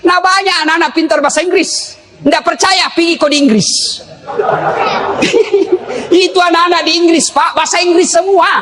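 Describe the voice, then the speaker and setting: A man preaching with a strikingly high voice for a man. He jokes and teases his congregation, then breaks into loud shouts to hammer a point home. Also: steady tone, moderate pace, crowd noise. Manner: jokey, teasing, bursts into shouting. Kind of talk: humorous sermon.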